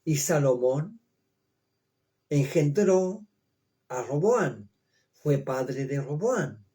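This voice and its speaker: Slow, mellow man teaching scripture. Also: a little high, lively intonation. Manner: repeats words, checks in with "¿ya?"; reads Hebrew names slowly, then explains in Spanish. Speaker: Bible teacher. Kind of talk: slow verse-by-verse Bible study.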